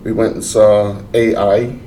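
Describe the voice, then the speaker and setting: In a casual life-story interview, a middle-aged man, a veteran from Portland, Oregon, speaks in a low, mellow voice, pausing often and starting sentences over amid fillers. He takes his time. The recording sounds roomy and echoey, the mic placed some way off, and there's a bit of background noise.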